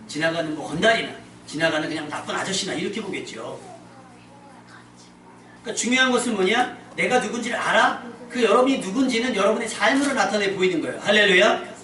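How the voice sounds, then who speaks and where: A man's voice: sits high, animated, fast talker, bright, forceful tone. Joking male pastor in an echoey church. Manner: joking, conversational, calls for congregation responses. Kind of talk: sermon. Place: church sanctuary. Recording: echoey church from far off, with noise.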